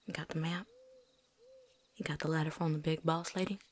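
A woman's voice: deep voice, little pitch movement, a little fast, breathy edge. A woman voicing a chatty, folksy veteran vampire hunter with a put-on drawl and casual slang, talking around something in her mouth, in a whispered role-play. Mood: chatty, wry.

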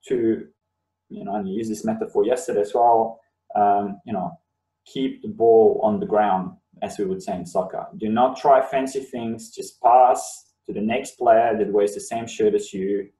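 In a webinar lecture, a Bosnian-native university lecturer in his thirties explains material and repeats words to drive them home. The voice is mellow and low in brightness, picked up from a little off the mic in a ringing room with a roomy feel.

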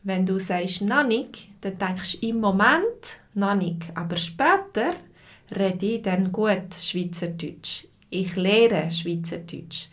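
Swiss lady teaching online, talks real slow n clear, repeats stuff, mid pitch. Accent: Swiss German. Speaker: language teacher. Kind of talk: live online language lesson, reading chat.

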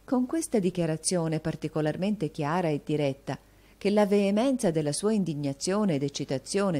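A woman reading a classic novel as an audiobook in a measured, expressive storytelling manner. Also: low voice. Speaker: audiobook narrator.

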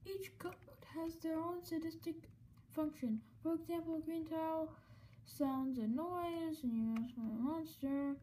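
A woman's voice: very high-pitched, steady tone, measured pace, warm tone, a little hiss or hum. A woman playing through a game and commenting playfully, reading on-screen lines in dramatic voices. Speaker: gamer.

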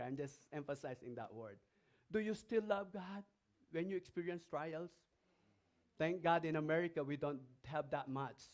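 A man with a Filipino accent preaching a sermon as pastor, reading scripture aloud and putting emphatic questions to the congregation. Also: on the high side. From Philippines. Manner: reads scripture passages aloud between remarks.

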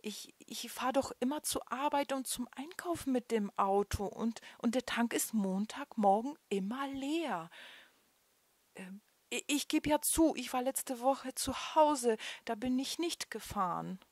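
A woman's voice: lowish voice, animated, a little slow, no echo. A woman voicing a confused, flustered man at a gas pump who stammers defensively in a trembling voice. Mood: panicky, pleading.

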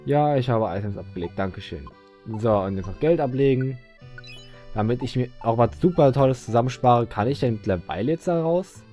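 Goofy, lively German let's player. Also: male voice, medium pitch, a little fast, faint music behind. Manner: goofy, chatty, talks to the game. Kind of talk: casual gameplay commentary.

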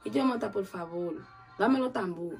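A woman's voice: mid-range voice, normal speed, gravelly, faint music behind. A woman telling a long story in a casual interview, acting out the voices of the people in it. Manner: animated, acts out quoted voices.

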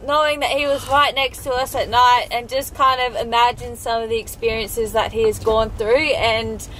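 A young woman speaks warmly and chattily to a camera from a sailboat's cockpit. Her voice is high, and faint noise sits behind it. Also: level tone, normal speed, poor audio. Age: young adult. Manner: warm, grateful, chatty. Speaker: vlog co-host. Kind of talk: casual chat to camera. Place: cockpit of a sailboat under a canopy, outdoors.

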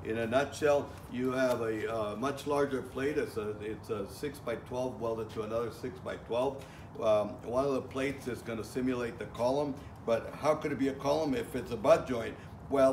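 A middle-aged man teaching welding outdoors in a plainspoken way, with many fillers and restarts, recorded from a far camera. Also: medium pitch. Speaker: welding instructor. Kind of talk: casual outdoor lecture. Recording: echoey, from a distance, faint ambient noise.

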